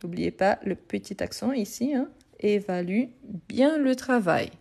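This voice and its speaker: A woman's voice: medium pitch, animated, measured pace, creaky, darkish tone. A woman teaching French grammar in a live online lesson, repeating and spelling out each word and answering viewers' questions.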